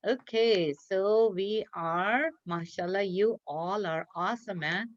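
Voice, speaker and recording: Teaching crafts to kids by video call, the woman speaks in a slow, mid-range voice, praising and encouraging her young pupils during the interactive lesson. The audio is dull and lo-fi, with an echoey room behind it.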